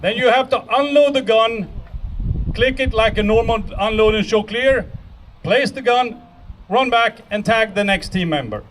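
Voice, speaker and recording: High-voiced man briefing from a distance. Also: moderate pace, a bit bright. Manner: instructional, step-by-step. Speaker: match official giving a briefing. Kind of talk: spoken rules briefing to a group. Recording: distant mic, faint outdoor noise.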